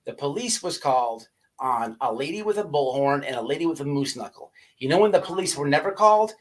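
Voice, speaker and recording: This livestream host's voice is a little high and fairly bright. In a relaxed stream, he chats and rants at viewers in foul-mouthed slang, tripping over words and repeating them often.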